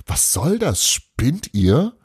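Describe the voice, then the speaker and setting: A man's voice: medium pitch, huge pitch swings, slow, darkish tone, breathy edge, dry recording, studio quality, voice pushed up, full character voice. A man reading aloud while voicing a frightened, whining boy in a children's story. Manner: whining, protesting.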